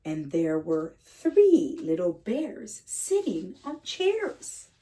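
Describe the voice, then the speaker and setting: A woman reading a picture book aloud to young children as a teacher, speaking to them directly in simple, gentle phrases. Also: lowish voice, huge pitch swings, drawn-out words. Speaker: kindergarten read-aloud teacher and host. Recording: slightly distant microphone.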